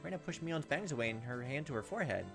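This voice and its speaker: Over music, a man reads a visual novel aloud in a casual let's play, tossing in informal asides and reacting to the story as he goes. His voice is a little high and expressive, quick-paced, with some vocal fry.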